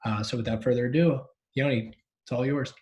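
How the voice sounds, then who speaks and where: A man's voice: mid-range voice, fairly even intonation, a little fast, darkish tone. A man hosting an online event, eagerly introducing the guest with filler words. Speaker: host.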